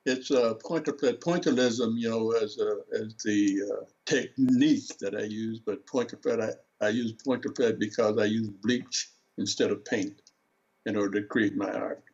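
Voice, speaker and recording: An older man from Seattle, a guest artist talking in an interview, slow to find his words, with many filler sounds. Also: fairly low pitch, fairly even intonation, darkish tone, slightly rough. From Seattle, USA. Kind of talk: relaxed interview talk. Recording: dull lo-fi sound.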